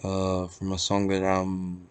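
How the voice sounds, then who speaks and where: Speaking with a completely flat, smooth delivery, a young Peruvian-accented man shares a rambling, reflective personal vlog. He pauses and hesitates while searching for words and swears easily at times. His voice is fairly low, captured close and dry with no echo.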